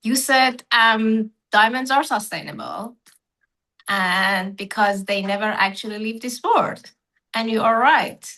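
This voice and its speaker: A woman's voice: on the high side, a little slow, bright, forceful tone, low-quality recording. A woman hosting a podcast, affirming her guest with frequent short agreements before asking her questions. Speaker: podcast host. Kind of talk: conversational interview.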